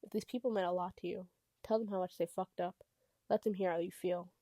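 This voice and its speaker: A woman reading a gentle teenage boy. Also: mid-range voice, brisk, no room sound, lightly acted. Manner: soft, gentle advice. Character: teenage boy, laid-back, caring friend.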